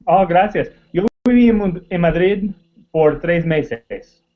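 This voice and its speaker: A man's voice: sits high, slow pace, phone-quality sound. A man practicing Spanish as a student, speaking carefully in non-native Spanish with small slips. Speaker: language student. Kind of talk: conversational practice.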